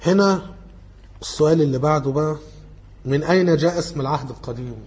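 Egyptian man lecturing, fairly high voice. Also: fast talker, darkish tone. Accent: Egyptian Arabic. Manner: thinks aloud, corrects himself mid-sentence. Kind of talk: informal lecture going through study questions.

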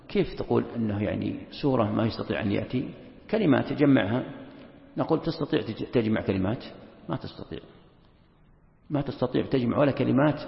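Gravelly sheikh in an echoey hall. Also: male voice, medium pitch. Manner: emphatic, repeats key phrases, asks rhetorical questions. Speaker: sheikh teaching Quran commentary. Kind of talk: classroom lecture. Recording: echoey hall, dull lo-fi sound.

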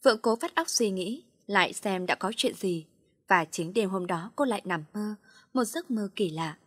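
A woman reads a story aloud in a husky, breathy voice at a steady, unhurried pace. The recording is close and dry, with no room sound. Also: medium pitch, no echo. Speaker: narrator. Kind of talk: storybook narration.

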